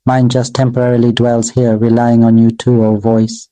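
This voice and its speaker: A Buddhist monk delivering a dharma sermon in a very dark, mellow voice that stays almost level in pitch. He speaks in slow, measured, repetitive phrases that sound like an incantation. The sound is close and dry, with no room echo. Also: completely flat delivery. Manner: addresses his own voice as "Mister Voice".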